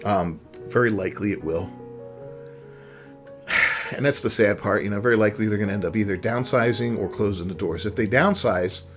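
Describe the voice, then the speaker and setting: A man's voice: lowish voice, a little fast, faint music behind. A man hosting a gaming channel, giving casual opinion commentary in a rambling way, often tagging on "right?" and "you know".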